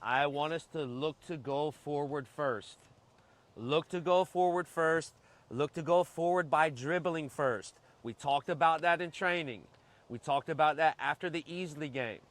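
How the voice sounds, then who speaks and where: A man's voice: a little high, unhurried. A man coaching a soccer team in a pep talk, giving instructions, repeating key points and checking that players understand. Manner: checks understanding with short questions. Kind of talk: pre-game and halftime pep talk to a team.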